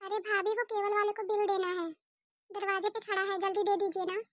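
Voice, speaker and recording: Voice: extremely high pitch, little pitch movement, fairly quick, very noisy. A performer voicing a wheedling adult neighbor woman in a cartoon who keeps borrowing money with sweet pleading. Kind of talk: cartoon voice acting.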